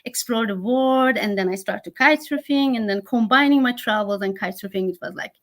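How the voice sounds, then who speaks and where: A woman in her thirties from Iran with an Iranian accent, speaking English as a guest in an interview, earnest and halting with many fillers. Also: on the high side, a bit bright. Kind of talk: interview conversation.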